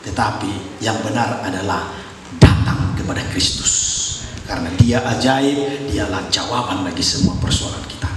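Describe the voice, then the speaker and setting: A male pastor preaching a sermon, emphatic, swinging between loud cries and hushed asides. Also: fairly low pitch, moderate pace, noisy background. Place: church. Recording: echoey church hall, far mic.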